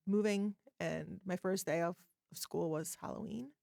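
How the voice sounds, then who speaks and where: A middle-aged woman from Poland speaks as a podcast guest, hesitant and full of ums as she tells stories. Her voice is fairly low with a gravelly rasp, recorded dry. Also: a little slow, warm tone, no echo. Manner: hesitant, frequent ums, storytelling. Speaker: forensic psychologist guest. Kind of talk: casual interview chat.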